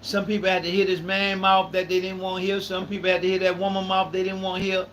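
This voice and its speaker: A man's voice: sits high, monotone, quick pace, a bit bright, slight background noise, poor audio. A man, hosting a live podcast in casual talk and repeating phrases for emphasis. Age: 30s. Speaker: podcast host.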